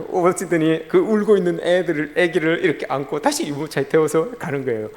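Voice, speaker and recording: In a church sanctuary with long, echoing reverb, a middle-aged male pastor tells stories in a conversational sermon and often speaks directly to his listeners. His voice is fairly high with a darkish tone.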